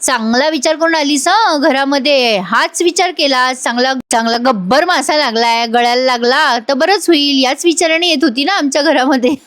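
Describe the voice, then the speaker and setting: A woman's voice: high-pitched, normal speed, few pauses, a bit bright. A woman reading a scornful, domineering sister. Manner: taunting, scolding. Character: scornful sharp-tongued middle-aged woman, domineering sister. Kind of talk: retold dialogue in a TV episode recap.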